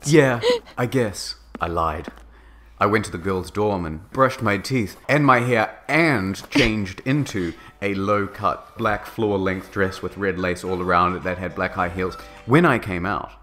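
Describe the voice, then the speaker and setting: A man with a lowish voice reads fan fiction aloud in deadpan comedy style. He delivers absurd lines earnestly and flatly, never cracking. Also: slight background noise.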